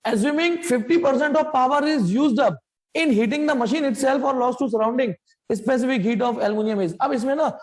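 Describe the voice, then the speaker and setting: A man's voice: very high voice, a little mellow. A young man teaching physics, explaining a problem in a chatty, joking way, mixing in English phrases and imitating machine noises. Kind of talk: blackboard lesson explanation.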